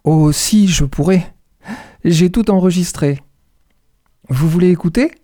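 A cold, ambitious businesswoman from a read-aloud thriller, as a male narrator puts her on, taunting in slow, smug, deliberate phrases. The voice sits a little high but stays dark and mellow, recorded dry and close. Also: no room sound. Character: scheming ambitious female executive, cold and mocking.

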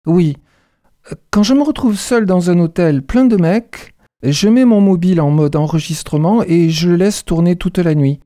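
A man reading aloud voices a cold, scheming female executive who taunts her rival in smug, deliberate tones. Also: sits high, warm tone, no echo, clean studio sound, natural voice. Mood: taunting.

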